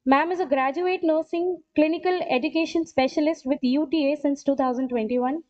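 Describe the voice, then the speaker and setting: A woman's voice: high-pitched, darkish tone, lo-fi sound. A woman anchoring a conference session, formally reading out a speaker's biography. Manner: formal, reads a biography aloud. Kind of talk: formal scripted introduction. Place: college conference hall.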